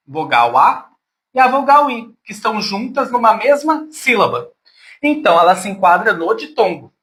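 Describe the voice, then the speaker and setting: High, lively male teacher. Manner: patient, breaks words into syllables aloud; addresses pupils affectionately. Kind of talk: classroom grammar lesson.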